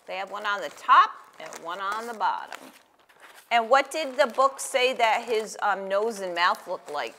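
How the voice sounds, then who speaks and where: An older woman with an expressive, mid-range voice speaks at a measured pace, her tone pushed and bright. She reads aloud and helps a young child with a craft using simple, encouraging phrases and questions. She's at a table in a small indoor room, with a lapel mic catching slight background noise.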